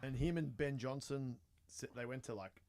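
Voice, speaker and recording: Chatty Australian podcast co-host. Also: male voice, medium pitch, normal speed, darkish tone. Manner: chatty, laughs along, retells stories acting out voices. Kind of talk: casual chat.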